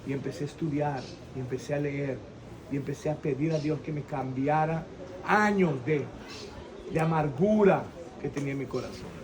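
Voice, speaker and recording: Venezuelan man, 60s, animated storyteller on an outdoor interview with a noisy background, slightly high voice. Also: normal speed. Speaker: interviewee giving his faith testimony. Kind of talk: animated personal testimony.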